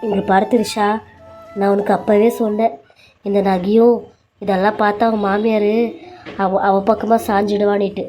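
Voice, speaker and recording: A woman's voice: mid-range voice, flat delivery, normal speed, pauses often, warm tone, faint music behind, close to an everyday voice, low-quality recording. A woman voicing a caring older sister figure who scolds and consoles a younger wife in a family serial drama. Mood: consoling.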